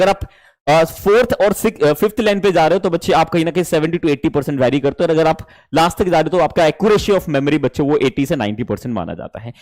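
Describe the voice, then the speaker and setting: A man teaching an online class, lively and animated, mixing Hindi and English. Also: fairly high pitch.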